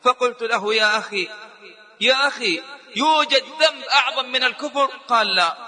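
Impassioned preacher, high bright voice. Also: male voice, normal speed, in a large hall. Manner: impassioned, rising to near-shouting at climaxes. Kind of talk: emotional storytelling sermon.

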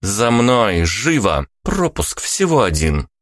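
A man's voice: fairly low pitch, big pitch swings, slow pace, no room sound, studio quality, voice pushed up. A man voicing a brash, teasing young woman who fights and swears freely, in an audiobook. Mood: bossy. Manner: teasing, crude and bossy. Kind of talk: audiobook character voice.

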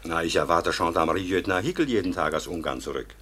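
In a German radio drama, a male actor plays a kind, older court official with a low, husky voice. He is patient and gently admonishing in a measured, fatherly way, and his delivery is expressive and exaggerated, with a thoughtful mood.

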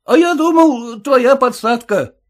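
A man voicing a suspicious, boastful peasant cab driver with a shrill, folksy way of talking. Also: expressive, a little slow. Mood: wary, relieved.

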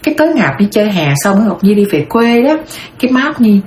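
A woman's voice: mid-range voice, big pitch swings, quick pace, a little mellow. A middle-aged woman from southern Vietnam with a Southern Vietnamese accent. She tells her life story in a rambling, heartfelt way and calls herself by her own name. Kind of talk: personal storytelling monologue. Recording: roomy sound with faint background noise.

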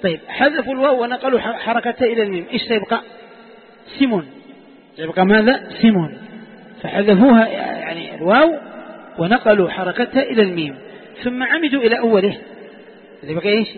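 A man's voice: high voice, animated, quick pace, pauses often, slightly rough. A man teaching a classroom lesson, often quizzing his students and repeating key words. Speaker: teacher of Quranic exegesis. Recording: phone-like sound with long hall reverb.

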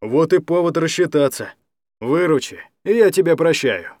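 Casting: man doing a grudging, menacing street thug, raised lively pitch. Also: normal speed, no echo, clean studio sound, lightly acted. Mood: grumbling. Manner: grumbling, menacing. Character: sullen resentful young thug, man.

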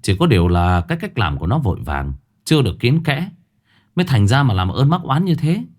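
A man voicing a calm young village man who lays out his reasoning earnestly in a storybook ghost tale. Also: mid-range voice, brisk. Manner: earnest, explaining.

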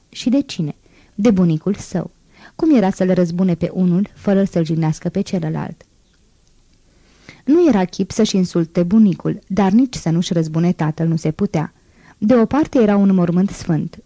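Woman reading an audiobook, low mellow voice. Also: dry recording. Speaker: audiobook reader. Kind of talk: audiobook narration.

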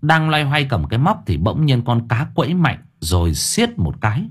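A man's voice: medium pitch, big pitch swings, moderate pace, husky. A man narrating an audiobook story dramatically.

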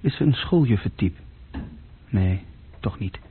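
In a radio play, an actor voices an uneasy, insecure young junior clerk, narrating his story hesitantly and intimately in the first person. The man's voice sits on the low side, expressive and a little slow. It comes from a dull, muffled old radio recording with a little hiss or hum.

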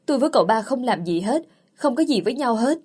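Fiery young wife, read by a woman, sharp-tongued, quick to flare up. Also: fairly high pitch, expressive, slightly rough, pitched above the performer's own voice. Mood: flustered.

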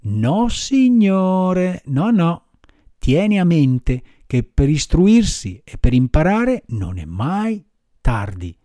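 A man voicing a patient, motherly fairy woman, speaking softly and firmly in an audiobook reading. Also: very animated, dry recording, clean studio sound. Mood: gentle. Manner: soft lowered voice, measured admonishing tone. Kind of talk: audiobook character voice.

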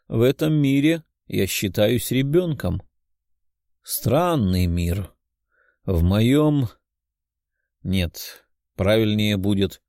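A man doing a low-voiced brooding demon lord. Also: darkish tone, no echo, clean studio sound. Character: young man, demon lord reborn, calm and musing.

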